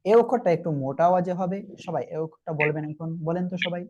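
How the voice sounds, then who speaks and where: A man's voice: sits high, fast talker, dull audio, very noisy. Patient male Quran teacher, step by step. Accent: Bangladeshi Bengali. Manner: patient, repeats and checks understanding. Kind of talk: online Quran reading lesson.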